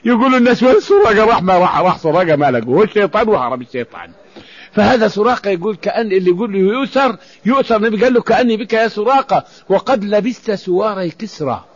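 A man's voice: high voice, animated, rapid-fire. A man preaching, telling an old story and explaining scripture, often restarting and repeating words. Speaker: Islamic preacher. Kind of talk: sermon storytelling with Quran commentary. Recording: dull lo-fi radio recording.

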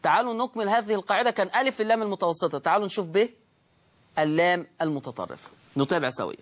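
A man's voice: high-pitched, expressive, a bit bright. Egyptian male tajweed teacher who stretches out recited words and quizzes students, then answers for them. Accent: Egyptian Arabic. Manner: explains slowly, drawing out the recited words; asks the class questions and answers them himself. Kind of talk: tajweed lesson.

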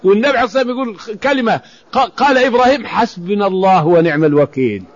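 A man's voice: sits high, lively intonation, racing. A man preaching, telling an old story and explaining scripture, often restarting and repeating words. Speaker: Islamic preacher. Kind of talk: sermon storytelling with Quran commentary. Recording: dull lo-fi radio recording.

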